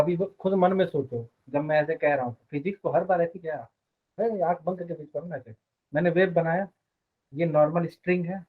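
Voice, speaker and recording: A man teaching physics in a live online class. He explains step by step and keeps asking the students short questions. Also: fairly high pitch. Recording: phone-like narrow sound.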